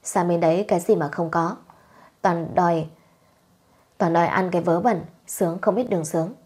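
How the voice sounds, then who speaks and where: A woman's voice: lowish voice, steady tone, moderate pace, darkish tone. A woman voicing a stern, poor old father who scolds his daughter harshly, in a storybook reading. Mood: scolding. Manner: scolding, gruff.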